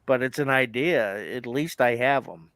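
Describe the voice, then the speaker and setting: Lively, teasing man, laughs a lot. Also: medium pitch, unhurried. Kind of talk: casual banter.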